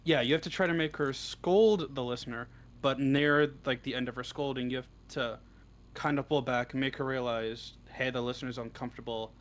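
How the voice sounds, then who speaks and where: Answering questions as the guest in a relaxed interview, a man who writes audio roleplay scripts pauses and thinks out loud. He talks fairly quickly at a medium pitch, against a noticeably noisy background.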